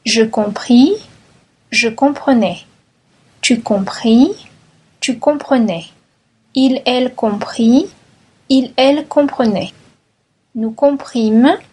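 A woman reads a language drill at a very slow, deliberate pace, giving each word and verb form its own space. Her voice sits a little high and has a husky, breathy edge. She sounds measured and methodical throughout. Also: warm tone. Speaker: language teacher. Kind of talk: slow vocabulary and conjugation drill.

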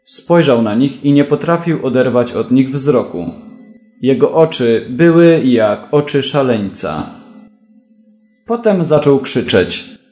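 A man reading a thriller audiobook in a measured, even way. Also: medium pitch, reverberant, faint music behind. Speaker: narrator. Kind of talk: audiobook narration.

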